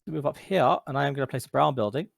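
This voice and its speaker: A man's voice: medium pitch, rapid-fire, creaky. Sweary man explaining board game rules. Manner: joking, sweary, guiding others through the rules. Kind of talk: casual gaming chat over voice call.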